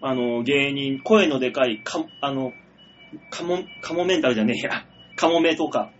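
A man hosting a casual comedy radio talk, telling stories in an animated way, acting out the people he quotes and laughing often. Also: medium pitch, normal speed, highs cut off, a little hiss or hum. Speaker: radio show host.

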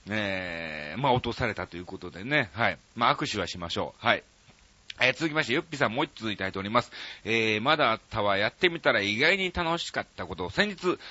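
A man hosting a radio show, reading listener letters aloud in a casual chat with quick comebacks. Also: mid-range voice, no echo, lo-fi sound. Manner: lively, chatty, quick asides and comebacks between letter lines. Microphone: studio microphone.

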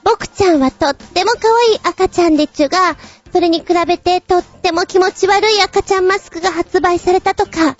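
A woman putting on a high, lisping baby-talk voice. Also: a little fast, lo-fi sound, soft background music. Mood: cutesy. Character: cutesy baby-talking baby boy, playful.

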